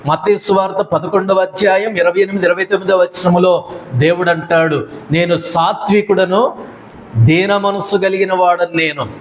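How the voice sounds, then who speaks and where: A man's voice: high voice, a little hiss or hum, low-quality recording. A male pastor delivering a sermon, with repeated refrains and rhetorical questions.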